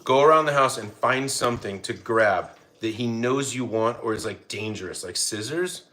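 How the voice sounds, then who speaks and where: A man's voice: medium pitch, moderate pace, bright, forceful tone, faint music behind. A middle-aged man chatting casually on a home livestream, reading chat aloud and laughing easily. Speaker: livestream host. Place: home, feeding dogs.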